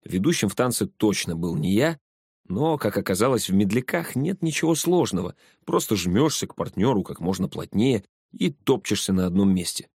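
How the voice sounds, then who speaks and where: A man reading a first-person story aloud as an audiobook narrator, in a steady storytelling delivery. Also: on the low side, normal speed, breathy edge, dry recording, clean studio sound.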